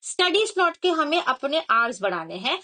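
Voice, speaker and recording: Young female study coach, high voice, explains a study plan step by step and checks in with viewers often. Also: sing-song, moderate pace, pushed and bright. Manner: code-switching, repeats points, checks in with the viewer.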